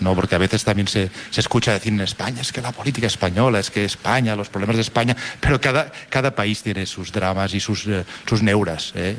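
Man, guest journalist, measured, low pitch, faint background noise. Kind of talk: conversational discussion.

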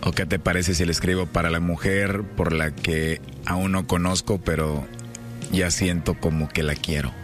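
A man, flirting smoothly and teasing during a prank phone call on the radio. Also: deep voice, fairly even intonation, normal speed, music in the background. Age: 30s. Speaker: radio prank caller host.

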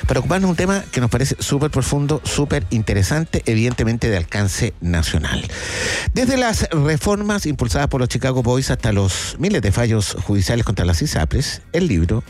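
A man's voice: mid-range voice, sing-song, normal speed, darkish tone. A man hosting a live morning radio programme. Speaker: radio host.

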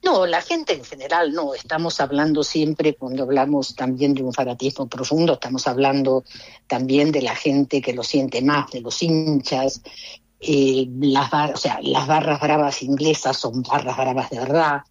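A middle-aged woman from Argentina speaks with a Rioplatense accent, pausing and restarting often as she gathers her thoughts. Her voice comes through a dull, lo-fi line with a dry, close sound. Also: a bass voice, steady tone, darkish tone, no echo. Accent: Argentine Spanish. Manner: hesitant, halting, many restarts. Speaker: guest living abroad.

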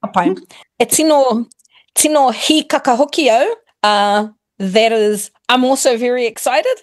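A middle-aged New Zealand woman, a primary school teacher appearing as a guest, chats casually and explains things in a blend of Māori and English. Her voice is fairly high, and like a teacher she gives example after example, pausing to rephrase and restart in a steady, friendly way.

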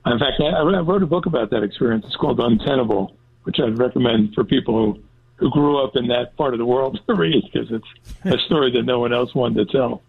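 A male guest author from Newark speaks over a tinny phone line. His voice is gravelly and husky at a mid pitch. He talks casually, pausing on fillers as he goes. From Newark, New Jersey. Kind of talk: phone-in interview.

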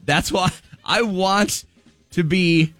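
A man's voice: high-pitched, takes it slowly, fairly bright tone, dry recording, soft background music. A man in his fifties co-hosting a morning radio show, chatting casually, laughing easily and poking fun at himself. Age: 50s. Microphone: studio microphone.

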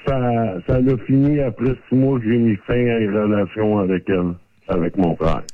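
A man's voice: fairly even intonation, normal speed. A Québécois man calls in with his voice disguised by a modifier and tells a story in a candid, plain-spoken way. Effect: voice disguised with a pitch-lowering modifier. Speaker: caller. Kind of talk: confessional call-in. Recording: muffled lo-fi call line.

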